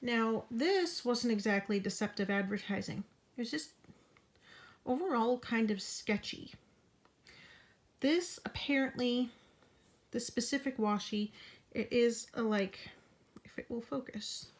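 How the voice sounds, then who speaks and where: A woman's voice: a little high, measured pace, pauses often. Breathless woman speaking frankly. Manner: frank and indignant. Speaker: vlogger. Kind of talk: casual update vlog. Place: at home in bed.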